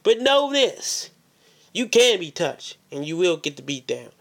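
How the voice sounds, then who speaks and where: Casting: male wrestler for a boastful call-out promo, fairly high voice, confrontational, hammers phrases by repeating them. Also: very animated, measured pace, gravelly, a bit bright. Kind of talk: wrestling promo, calling out an opponent.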